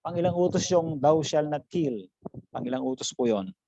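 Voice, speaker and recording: A man's voice: a little high, normal speed, gravelly, mellow, no echo. A man, a pastor, teaching an online class. He mixes English phrases into his talk, calls his listeners brothers and sisters, and quizzes the class. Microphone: video call. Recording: dull lo-fi video call audio.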